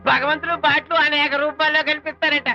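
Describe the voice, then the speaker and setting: A man's voice: extremely high pitch, flat delivery, fairly quick, bright, forceful tone, faint music behind, full character voice. An actor playing a boozy older father who rambles in sing-song drunk talk, pleading with his daughter for drink money. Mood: wheedling. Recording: dull film soundtrack audio.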